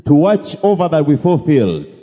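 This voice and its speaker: A man's voice: on the high side, normal speed. A man interpreting a sermon phrase by phrase into English, promptly echoing each line. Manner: echoes each phrase promptly, lively intonation. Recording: long hall reverb.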